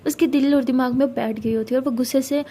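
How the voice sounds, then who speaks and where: A woman's voice: sits high, fairly even intonation, quick pace, warm tone. A young woman narrating a love story in a casual, chatty way, mixing in English words.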